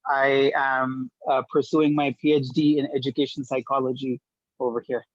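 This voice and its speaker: A man from Pakistan, a PhD student, giving a loud, brisk introduction on a video call. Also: medium pitch, little pitch movement, dry recording, highs cut off.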